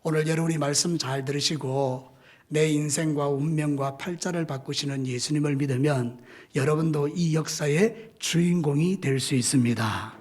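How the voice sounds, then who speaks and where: A man preaching a sermon as pastor in a church, telling the story vividly and acting out voices and shouts. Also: on the high side, moderate pace. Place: church sanctuary.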